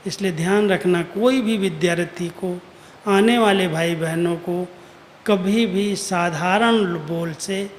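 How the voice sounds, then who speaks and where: A man's voice: sits high, slow. A man giving an earnest, admonishing spiritual discourse, quoting imagined listeners to make his points. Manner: earnest, admonishing, with rhetorical quotes. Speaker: spiritual teacher. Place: large hall at a retreat. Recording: echoey hall with faint noise.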